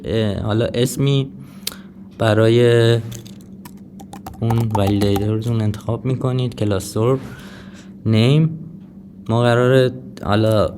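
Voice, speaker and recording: A man explains a technical setup step by step in a relaxed, conversational tutorial voice of ordinary pitch. He hesitates often and fills gaps with soft filler sounds while speaking straight to his viewers. A faint background noise sits under the recording. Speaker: crypto tutorial presenter. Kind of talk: casual screen-recorded tutorial.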